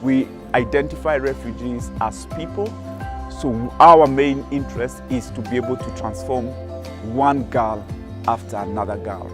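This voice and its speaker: A man's voice: mid-range voice, measured pace. Earnest man speaking over music. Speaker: executive director of a charity. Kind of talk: documentary interview.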